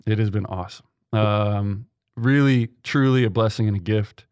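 A man's voice: on the low side, moderate pace, a little mellow, no room sound, clean studio sound. A young man from Texas, a seminarian, answering interview questions in an earnest way, with many ums and restarts. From Texas, USA. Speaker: seminarian guest. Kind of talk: conversational interview.

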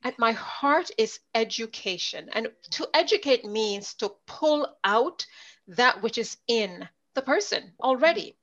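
A middle-aged woman from Jamaica, a leadership coach, telling her story in an interview with lively storytelling. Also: fairly high pitch, unhurried. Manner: animated storyteller, voices others in quotes. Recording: dull lo-fi audio.

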